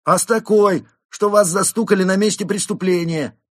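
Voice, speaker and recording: A man voicing a blustering male moose police inspector who barks accusations and often shouts, with a husky tone. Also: high-pitched, moderate pace, no room sound, studio quality, voice pushed up. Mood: bellowing. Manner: barking, raises voice to shout.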